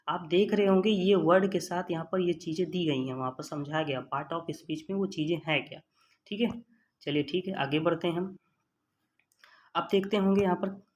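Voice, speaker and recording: A man teaching an exam-prep vocabulary lesson. He explains patiently, spells words out letter by letter, and keeps checking in with "okay" while calling viewers his friends. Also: a little high. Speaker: vocabulary tutor.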